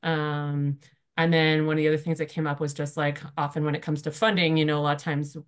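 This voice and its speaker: Woman reporting back from a breakout session, quick and casual, low voice, many fillers. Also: flat delivery, smooth. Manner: fast-talking, informal, many fillers. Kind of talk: online workshop report-out. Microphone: video call.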